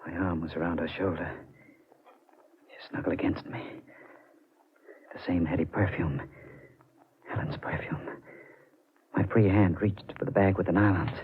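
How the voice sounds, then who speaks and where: An actor playing a tormented, obsessed killer in a 1940s radio drama, narrating with haunted, halting intensity. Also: male voice, deep voice, fairly even intonation, slight background noise. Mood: bleak, brooding. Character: tormented, obsessed male strangler confessing his crimes. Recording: muffled vintage radio with music behind.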